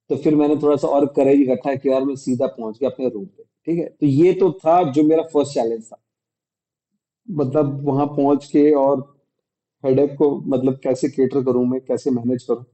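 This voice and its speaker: Vlogger, male, from India: chatty retelling that acts out quotes, deep dark tone, muffled recording. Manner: chatty retelling, acts out quoted dialogue, mixes English words. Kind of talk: casual storytelling vlog.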